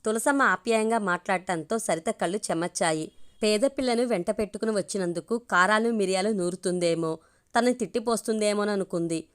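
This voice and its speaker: A woman storyteller reading a romantic family story aloud in a steady, expressive way. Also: mid-range voice, brisk, clear, resonant tone. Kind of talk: storybook narration.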